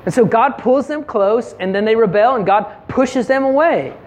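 Relaxed preacher with a mid-range voice, talking through scripture like a chat. Restarts phrases and tags questions on. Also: medium pitch, moderate pace. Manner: retells scripture by acting out quoted voices; informal, often adds a tag question. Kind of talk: conversational sermon.

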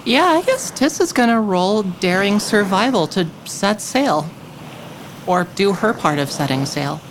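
Woman rpg player, low and unhurried, describing her character's moves, bit of background noise. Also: very animated. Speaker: tabletop game player. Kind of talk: narrating character actions in a role-playing game.

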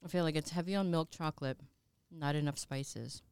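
A woman's voice: deep voice, brisk, darkish tone, clean tone, dry recording. A woman co-hosting a podcast, chatting playfully about food. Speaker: podcast co-host. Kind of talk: casual chat.

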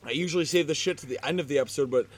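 A man's voice: fairly high pitch, racing. A man hosting a casual podcast outdoors, joking and swearing through crude banter with friends. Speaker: podcast host. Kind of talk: casual chat.

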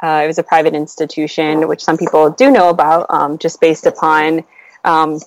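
This young woman from Hawaii talks in a low voice. Her speech is loose and chatty and full of "ums", and she laughs easily. The recording is dry and close. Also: flat delivery, normal speed, no room sound, rough recording. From Oahu, Hawaii. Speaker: guest. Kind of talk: casual conversation. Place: at home.

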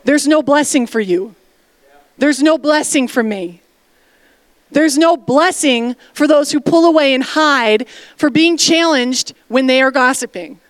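Preaching unhurriedly in a church sanctuary, this woman pastor has a high-sitting voice and the recording carries no room sound. She calls out to the congregation for replies, speaks emphatically and directly, and adds casual asides.

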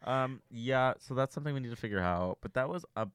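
A young woman with a very low, lively voice co-hosts a podcast. She jokes in a relaxed way and laughs a lot. Her voice sounds close and dry. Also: fast, clear, resonant tone, dry recording. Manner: laid-back, joking, laughs often. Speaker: podcast co-host. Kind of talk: casual chat. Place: room in Miami Beach.

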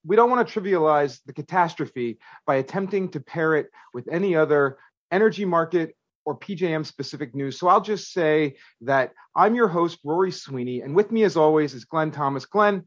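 A man's voice: a little high, expressive, normal speed, no room sound, muffled recording. A man hosting a podcast, moving between prepared remarks and conversation. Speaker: podcast host. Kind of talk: podcast hosting, scripted opening and chat.

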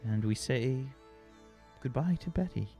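A man's voice: mid-range voice, expressive, a little slow, mellow, faint music behind. A man running a tabletop game as game master, talking in a casual, joking, conversational way.

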